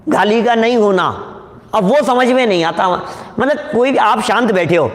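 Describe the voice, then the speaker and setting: High-voiced man teaching in a reverberant hall. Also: moderate pace. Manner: explains step by step and questions the listeners. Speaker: scripture teacher. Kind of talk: religious discourse to an audience.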